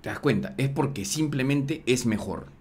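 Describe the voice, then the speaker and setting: A man's voice: mid-range voice, expressive, normal speed, darkish tone, slightly rough. A man, hosting a sports talk show, explaining things in a loose, slangy way full of fillers. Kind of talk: casual analysis chat.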